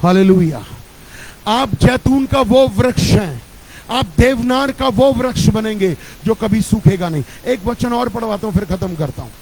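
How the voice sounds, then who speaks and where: A man's voice: high voice, animated, moderate pace, darkish tone, poor audio. A man preaching a sermon as pastor at a church service, leading the congregation in repeated declarations. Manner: repetitive call-and-response declarations.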